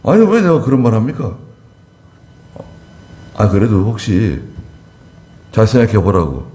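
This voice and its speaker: A man's voice: fairly low pitch, very animated, a little slow, dark tone, reverberant. A male pastor preaching a conversational sermon, acting out short dialogues in a church.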